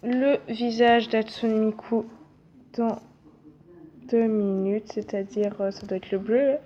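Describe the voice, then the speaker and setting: A woman's voice: on the high side, little pitch movement, slow pace, warm tone. Chatty young woman narrating gameplay. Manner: chatty, self-mocking, swears casually at the game. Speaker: gaming video creator. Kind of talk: casual let's-play commentary. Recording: dull, slightly lo-fi audio.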